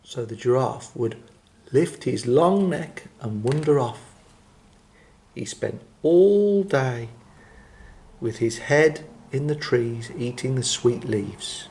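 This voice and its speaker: A man reads a children's story in a gentle, expressive voice of medium pitch. He slows his phrasing to build drama.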